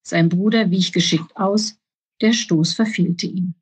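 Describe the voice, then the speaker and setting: Breathy woman reading a children's book. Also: on the low side, fairly even intonation, a little slow. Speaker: author reading her book.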